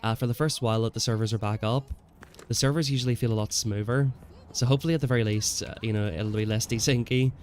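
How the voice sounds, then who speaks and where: During a casual live stream, a young man chats with viewers while gaming, relaxed and answering chat, frequently saying "man" and "bro," his voice congested from a cold. He talks fast with few pauses in a steady, mid-range, slightly mellow voice, and there's a little hiss or hum.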